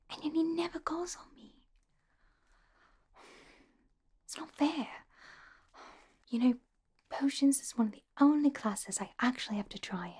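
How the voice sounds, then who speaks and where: In a whispered, breathy ASMR roleplay, a woman voices a studious, caring teenage witch at school, speaking gently and helpfully with small, hesitant pauses. Her voice sits high, and she sounds indignant.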